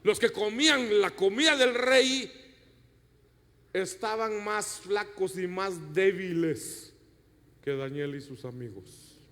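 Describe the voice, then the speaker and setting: A man with a very high voice preaches with emphasis, turning to the congregation with question after question. His words ring out with a long echo that fills the hall. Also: takes it slowly, a bit bright. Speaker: pastor. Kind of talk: sermon. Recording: long reverb of a church hall.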